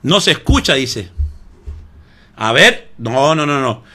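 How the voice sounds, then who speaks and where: In a mid-range, bright, forceful voice, a male pastor preaches a sermon slowly but with great animation. He is emphatic, often calls his listeners "hermano," and keeps asking the audience rhetorical questions.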